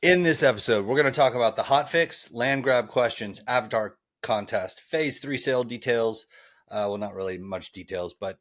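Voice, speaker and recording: A man's voice: medium pitch, moderate pace, a bit bright. A man hosting a casual podcast, friendly and rambling with lots of fillers. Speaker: podcast host.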